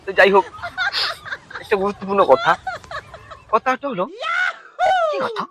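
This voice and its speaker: Bumbling young Bengali comic vlogger. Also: male voice, sits high, animated, normal speed, very noisy. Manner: bumbling, stumbles over words, mock-wailing and sing-song bits. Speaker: comedy vlogger. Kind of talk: rambling comic monologue.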